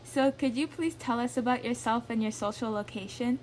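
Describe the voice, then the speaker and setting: A woman's voice: on the high side, moderate pace, a little hiss or hum. A woman hosting a podcast, asking polite questions and thanking her guest. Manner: polite, encouraging, many soft affirmations. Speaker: podcast host. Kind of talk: interview hosting.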